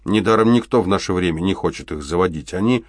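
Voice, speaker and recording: A man's voice: low voice, fast, no room sound, studio quality. A man doing a blustering angry cop. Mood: furious. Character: hot-tempered male police officer. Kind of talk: audiobook character voice.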